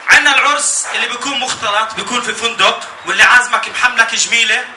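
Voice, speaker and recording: A man with a Jordanian accent doing stand-up comedy as an animated, escalating rant, telling stories and acting out bits. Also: extremely high pitch, rapid-fire. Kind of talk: stand-up comedy about weddings. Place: live comedy show before an audience. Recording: echoey live venue, distant, noisy laughing crowd.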